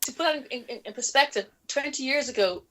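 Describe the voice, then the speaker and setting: A woman with an Irish accent, a guest in an interview, telling stories in a lively way and laughing often as she talks. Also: high voice, fast talker, a crowd in the background. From Ireland. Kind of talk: casual storytelling in an interview.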